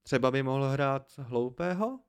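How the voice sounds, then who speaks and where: A blunt, practical woman mercenary, read by a man with a creaky voice. She asks doubtful questions in an audiobook reading. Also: medium pitch, animated, lightly acted. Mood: questioning.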